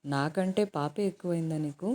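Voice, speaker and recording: A spoiled, headstrong young daughter who has just had a baby, voiced by a woman narrator. She sulks and wheedles in a low, soft-edged tone. The delivery stays close to a storybook reading voice. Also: steady tone, moderate pace, natural voice. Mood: pouting. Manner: sulky, wheedling. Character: headstrong pampered young woman, new mother.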